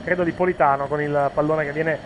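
A man commentates a football match informally and live. His voice sits fairly high, and he hesitates and corrects himself. Faint urban noise is audible behind him. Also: steady tone, quick pace, rough recording.

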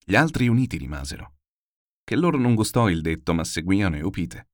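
A man reading classical epic verse aloud in a steady, declamatory way. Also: low voice, a little fast, dry recording, studio quality. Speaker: narrator.

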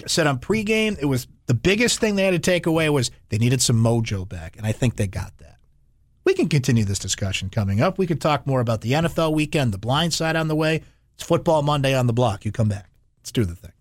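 A male sports radio host with a fairly high, very animated voice in a dry studio sound. He delivers his monologue emphatically and playfully, leaning on repeated phrases. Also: brisk, no room sound.

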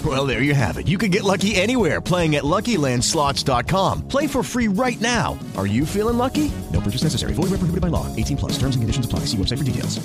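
A woman playing a brisk, playful street interviewer in a radio ad. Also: sits low, big pitch swings. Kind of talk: radio ad read. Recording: loud music bed.

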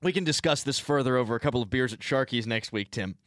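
A man's voice: mid-range voice, fast talker, a bit bright, no echo, studio quality. A man hosting a sports radio show, chatting casually and joking with his guest. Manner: joking, opinionated. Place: radio studio.

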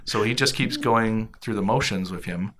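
A man co-hosting a casual podcast chat in a dry, monotone way. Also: lowish voice, moderate pace, crowd noise. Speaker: podcast co-host.

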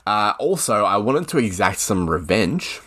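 Very deep-voiced podcast host. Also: male voice, big pitch swings, measured pace, pushed and bright. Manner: easygoing, explains at length, laughs often. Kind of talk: casual chat.

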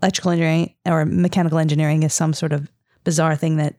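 Woman co-host; thoughtful, measured delivery, dry close recording. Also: deep voice, little pitch movement, mellow, no room sound. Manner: earnest, measured and reflective. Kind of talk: casual chat.

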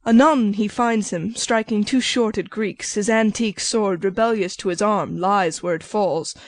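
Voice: medium pitch, unhurried, no room sound, close to an everyday voice. A reader playing a grave traveling actor who recites verse declamatorily. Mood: declaiming. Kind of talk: reading a stage play.

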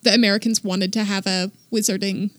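A woman's voice: mid-range voice, flat delivery, fairly quick, no echo, studio quality. A woman chatting on a comedy podcast and making brief, wry remarks. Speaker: podcast guest. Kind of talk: casual comedic chat.

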